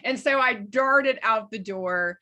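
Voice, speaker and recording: A woman from West Texas, an author guest telling an anecdote in an animated way, laughing as she goes. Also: fairly high pitch, takes it slowly. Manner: lively, animated storyteller who laughs while telling. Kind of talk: anecdotal storytelling in an interview.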